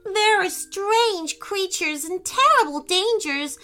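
A woman's voice: extremely high pitch, animated, slow, bright, forceful tone, faint music behind, voice pushed up, heavily acted. A woman voicing a timid young girl who worries aloud about dangers. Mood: fearful. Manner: anxious, worried.

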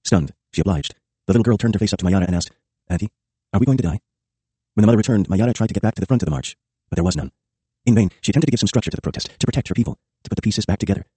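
Rapid, husky-voiced male memoir narrator. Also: on the low side, mellow, no echo. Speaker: audiobook narrator. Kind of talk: scripted first-person memoir narration.

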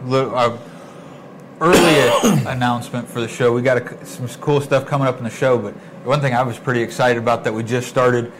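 A man's voice: mid-range voice, steady tone, a little fast, background noise. A man co-hosting a show, talking casually and unscripted to his listeners and friends. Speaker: co-host of a cannabis show.

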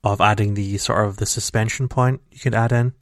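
A fairly quick talker with a fairly low pitch and steady tone, this man co-hosts a casual gaming podcast, rambling in long runs riddled with restarts and fillers. The audio is raw and dry from a home computer mic on a call, with no echo.

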